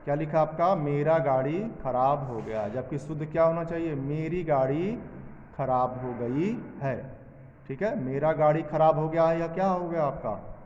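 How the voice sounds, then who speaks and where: A man's voice: a little high, normal speed, a little mellow, a little hiss or hum. A male teacher taking a class through a lesson, asking questions and answering them himself. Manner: drills students, asking and answering his own questions. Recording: echoey room with long reverb, dull sound.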